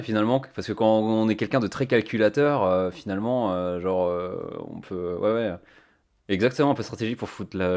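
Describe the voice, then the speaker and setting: A man with a fairly low, somewhat dark voice chats casually with his stream viewers. He thinks aloud, using lots of fillers, over a cheap microphone.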